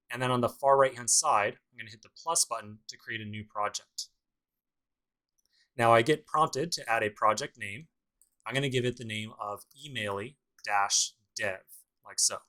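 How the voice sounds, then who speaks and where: A man's voice: medium pitch, fairly bright tone, rough recording. A man teaching a programming course in a casual screencast tutorial, talking through each step with dry sarcastic asides. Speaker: programming instructor.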